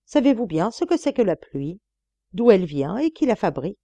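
A woman's voice: mid-range voice, big pitch swings, normal speed, dark tone, no room sound, pitched above the performer's own voice. A woman reading an audiobook and voicing a pompous elderly village priest who preaches to children and stammers when alarmed. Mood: preaching.

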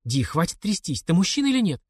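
Audiobook: male reader as a scolding, mocking mother, voice pushed high. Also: fast, dry recording, clean studio sound, close to an everyday voice. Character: sharp-tongued mother, woman of the wasteland. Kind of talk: audiobook character voice.

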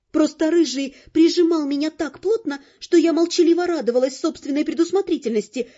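A high-voiced woman narrates a first-person audiobook in a lively, expressive way. Faint music plays beneath her on a dull, lo-fi recording.

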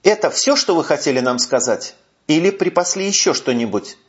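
A man's voice: on the high side, animated, moderate pace, voice pushed up, natural voice. Male narrator as a cutting, scornful young woman, voice a touch raised, lo-fi audio. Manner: mocking, cutting. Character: sharp-tongued young brunette woman, scornful. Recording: muffled lo-fi audio.

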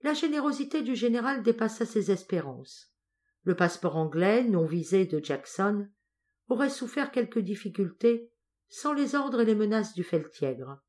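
A woman narrating an audiobook of a classic novel in a measured, expressive reading. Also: mid-range voice. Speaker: audiobook reader.

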